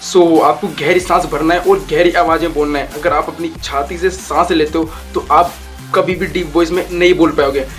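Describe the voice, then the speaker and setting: A young voice coach on YouTube talks casually through training tips, going over points repeatedly and mixing in English phrases. He speaks at a moderate pace in a fairly high, fairly bright voice with fairly even intonation. Soft background music plays.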